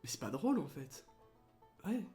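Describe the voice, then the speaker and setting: A young man with a slightly high voice, playing through a dating game in casual commentary. He reads the on-screen text aloud and breaks in with sarcastic, mocking jokes. Light game music sits faintly underneath. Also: big pitch swings, moderate pace, warm tone. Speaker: let's play host.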